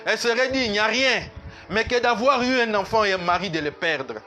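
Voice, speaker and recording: High, forceful pastor preaching slowly. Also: male voice, faint music behind. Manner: emphatic, repetitive preaching, slipping into sung lines. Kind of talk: sermon. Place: church service.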